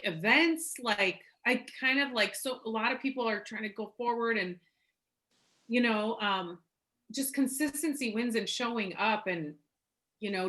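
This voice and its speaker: A woman leading a casual team call, chatty and excitable, rambling from one story to the next. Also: mid-range voice, low-quality recording. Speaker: team leader.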